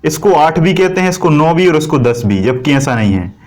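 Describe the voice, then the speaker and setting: A man's voice: fairly high pitch, very animated, moderate pace, darkish tone. A middle-aged man, teaching a classroom lecture and explaining with everyday analogies and rhetorical questions to the class.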